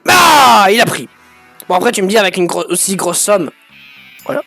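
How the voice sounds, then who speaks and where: A man giving excitable, crude let's-play commentary as a gaming YouTuber, breaking into sudden shouted outbursts. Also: sits high, a little fast, soft background music.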